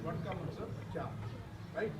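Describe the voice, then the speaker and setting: High-voiced man teaching in a distant room. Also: moderate pace. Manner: keeps checking with "right?"; encouraging, praises students often. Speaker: school workshop facilitator. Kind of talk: interactive classroom talk to students. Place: school hall or classroom. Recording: distant, dull mic with faint room noise.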